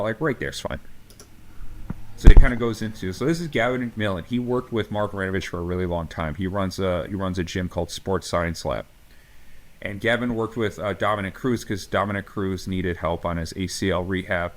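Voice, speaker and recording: Low-voiced guy coach ranting on a podcast, swears a lot, lots of "like" and "uh". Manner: passionate ranting, profane, many fillers and restarts. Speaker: strength coach and podcast co-host. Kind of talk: casual podcast talk.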